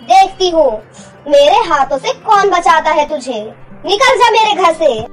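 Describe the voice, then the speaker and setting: A woman's voice: extremely high pitch, lively intonation, measured pace, faint music behind, low-quality recording. A woman playing a harsh, cruel stepmother in a cartoon story, scolding with contempt.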